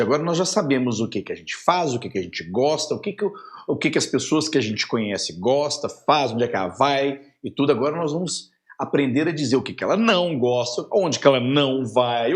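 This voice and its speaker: Lively Brazilian English teacher. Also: male voice, medium pitch. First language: Portuguese. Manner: lively, drilling phrases for the viewer to repeat. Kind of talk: online English lesson.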